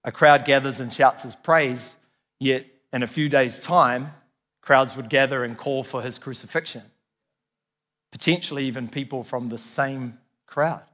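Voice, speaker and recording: A New Zealand-accented man preaches to his congregation as a church pastor, his mid-range voice steady, unhurried and fairly bright. He speaks earnestly and emphatically, repeating phrases, and a long hall reverb hangs on every word.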